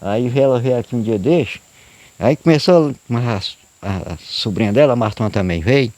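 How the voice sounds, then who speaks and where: Recorded without room sound, a man with a medium-pitched, darkish voice and lively intonation speaks at a moderate pace. He's a storyteller guest giving a casual, rambling account of a true story, repetitive and folksy, leaning on "né?" and "eu digo" again and again.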